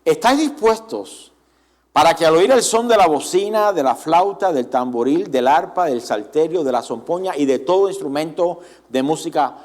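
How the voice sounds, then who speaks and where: A man's voice: fairly high pitch, expressive, normal speed, a little mellow, close to an everyday voice. A preacher voicing an angry, threatening king during a sermon, speaking in a menacing, interrogating tone.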